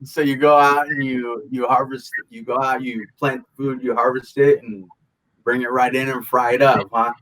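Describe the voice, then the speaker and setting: A man with a medium-pitched voice hosts an interview show. He talks informally and jokes around with a conversational delivery. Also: little pitch movement, normal speed, fairly bright tone, low-quality recording. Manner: informal, jokey. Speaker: show host. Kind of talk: casual talk show hosting.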